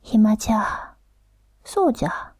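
A woman's voice: mid-range voice, animated, slow, darkish tone, husky, no echo. Woman whispering as a rustic easygoing man. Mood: musing. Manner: whispered, rustic old-style speech. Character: simple old-fashioned man, easygoing and curious.

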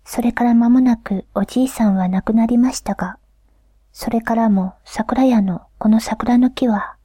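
A woman tells an old folk tale in a soft, unhurried whisper, close to the microphone. Her voice is mellow and airy, somewhat high, and the room is dry with no echo. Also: slightly rough. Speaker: storyteller.

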